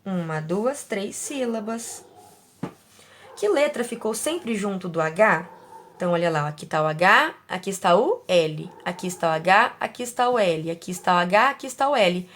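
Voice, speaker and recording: A woman teacher speaking slowly and carefully, sounding out words syllable by syllable for young pupils and asking them questions. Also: on the low side, animated, fairly bright tone, slight background noise. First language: Portuguese. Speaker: primary school teacher. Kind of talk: slow, careful classroom instruction.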